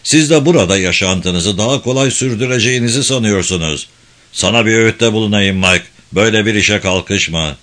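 A man's voice: lowish voice, brisk, fairly bright tone, lightly acted. A man reading the lines of a hot-tempered casino boss who blusters angrily. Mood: resentful, threatening. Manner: angry and blustering.

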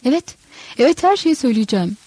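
A woman reading a furious, shouting carpenter man. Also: high voice, big pitch swings, quick pace, slightly rough, no echo, exaggerated voice. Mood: pleading. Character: furious grown man, a carpenter denying he is divine.

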